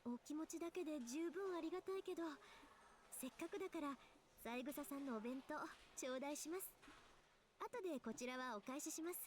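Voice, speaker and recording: An actress voicing a gentle, eager-to-please schoolgirl, speaking politely and shyly in a game. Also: high voice, very fast, slight background noise, natural voice. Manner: polite and shy. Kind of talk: game voice acting.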